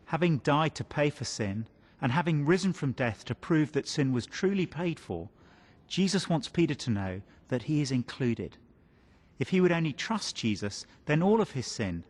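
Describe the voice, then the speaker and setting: Male presenter, mid-pitched, earnest and measured, delivering a scripted Bible talk over faint music.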